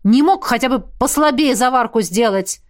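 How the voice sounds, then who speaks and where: A woman's voice: fairly high pitch, normal speed, close to an everyday voice. A woman reading the part of a firm, curt male nobleman who takes charge in a fantasy audiobook. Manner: curt, categorical.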